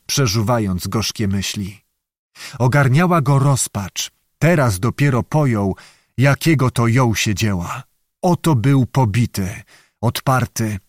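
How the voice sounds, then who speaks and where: A man narrates a historical novel in a measured, dramatic reading voice. His pitch sits in a middling range for a man. The recording is dry and close-miked, with no room echo. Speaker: audiobook narrator.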